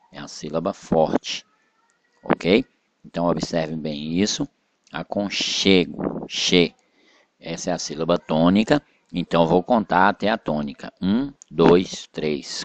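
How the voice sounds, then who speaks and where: A Brazilian man with a Brazilian Portuguese accent gives a slide-based video lesson on poetic meter, patiently explaining step by step and counting syllables aloud. His voice sits low, and the recording is dry.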